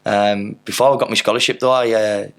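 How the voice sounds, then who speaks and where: A man in his thirties with a low, gravelly voice. He tells long, loose anecdotes in a casual interview, full of fillers and the odd swear word, and his delivery stays flat and even throughout. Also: a little fast. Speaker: podcast guest, footballer.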